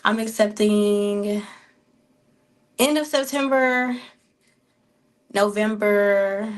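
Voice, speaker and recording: A woman with a mid-pitched voice talks as a guest in a casual interview. She is informal and plain-spoken, chatting as a working doula. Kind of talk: casual live interview chat.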